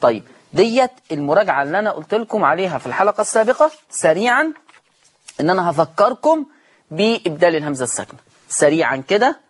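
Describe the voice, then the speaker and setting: A man with an Egyptian accent teaching Quran recitation on a call-in show, patiently explaining each step and repeating example words slowly and drawn out. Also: high voice, big pitch swings. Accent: Egyptian Arabic.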